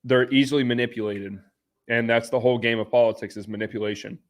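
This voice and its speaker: A man's voice: medium pitch, fairly even intonation, fast talker. A man hosting a live stream, chatting off the cuff in a blunt, informal way with slangy asides. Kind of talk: casual unscripted live stream chat.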